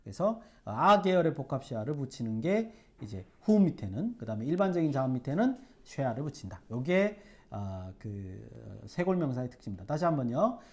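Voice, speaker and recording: A male teacher lectures at a classroom whiteboard at a middle pitch. His voice rises and falls a great deal as he sounds out syllables slowly and drops frequent "예" and "어" fillers. He keeps asking his students rhetorical check-in questions. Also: big pitch swings, darkish tone. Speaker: Hebrew grammar teacher.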